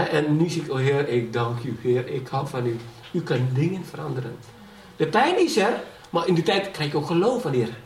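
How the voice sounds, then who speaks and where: A middle-aged man preaching a sermon in a church, often checking in with the congregation and rising in fervour as he testifies. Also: high-pitched. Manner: keeps asking the congregation "ja?". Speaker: pastor. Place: church hall. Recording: echoey hall, from far off, faint background noise.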